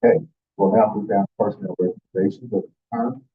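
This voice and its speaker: A man with a gravelly, husky voice chairing a board meeting in formal procedural language, heard through tinny call audio. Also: fairly low pitch, steady tone, fast talker.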